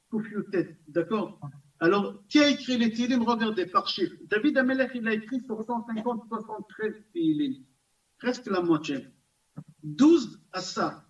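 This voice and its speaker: High-voiced rabbi lecturing from afar. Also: male voice. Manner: animated, repetitive, asks the audience questions. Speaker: rabbi teaching a class. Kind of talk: recorded Torah class lecture. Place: community center classroom. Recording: distant, dull lo-fi room recording.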